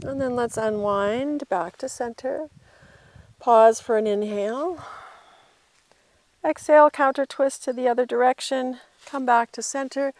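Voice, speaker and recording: A woman yoga instructor gently talking a class through poses as she does them herself. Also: on the high side, fairly even intonation, measured pace, dry recording. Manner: gentle cueing while demonstrating the poses herself.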